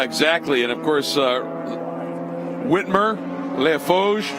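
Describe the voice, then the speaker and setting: Higher-pitched male motorsport commentator. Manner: colloquial, exclamatory. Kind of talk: live race commentary. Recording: clear engine noise behind voice.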